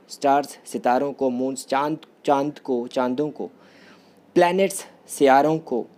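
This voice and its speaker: A man teaching a vocabulary lesson, going slowly and repeating each point as he rephrases it in Urdu and English. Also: medium pitch, warm tone. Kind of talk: classroom lesson explaining vocabulary.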